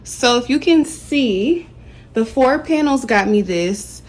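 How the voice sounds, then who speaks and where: A woman's voice: a little high, lively intonation, slow. Chatty woman vlogging a home project. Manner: chatty, upbeat, addresses viewers as y'all. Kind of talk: casual vlog walkthrough. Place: apartment living room, indoors.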